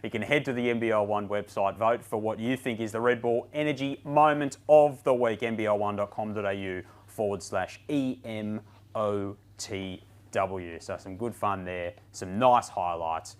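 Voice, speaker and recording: A middle-aged Australian man hosting a studio sports show, upbeat and enthusiastic as he presents highlights. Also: steady tone, moderate pace.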